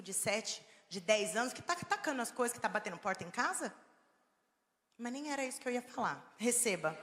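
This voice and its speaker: A Brazilian woman preaching with a high, bright voice. Her delivery is animated, dropping to soft coaxing and then rising to firm, loud emphasis. The sound carries the long reverb of a large church hall. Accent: Brazilian Portuguese. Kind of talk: sermon.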